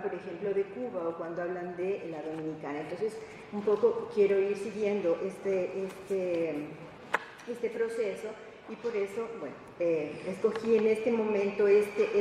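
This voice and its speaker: Presenting on a panel indoors, a woman researcher with a Mexican Spanish accent speaks in a medium-pitched, mellow voice, partly improvising. She is halting and reflective, stopping to search for words and using tag questions, and the distant mic picks up hall echo and faint noise.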